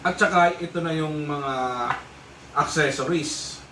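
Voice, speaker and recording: In an echoey room with a distant mic and faint noise, a vlogger with a Filipino accent reviews a motorcycle intercom. His slightly high voice stays steady and unhurried while he explains things casually, often repeating himself.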